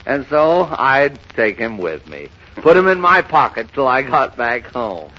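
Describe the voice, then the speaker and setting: In a noisy, muffled 1930s radio comedy recording, an actor gives a full character voice to a fussy, boastful man spinning absurd tall tales. His medium-pitched, sing-song voice is bright and forceful at a measured pace. He sounds wistful and boastful, fluttering and sputtering through self-important storytelling.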